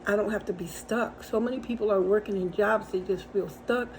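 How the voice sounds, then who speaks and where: A woman's voice: mid-range voice, fairly quick, a little hiss or hum, low-quality recording. A middle-aged woman hosting a casual faith-based encouragement talk, speaking conversationally with repetitions and storytelling asides. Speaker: host and encourager.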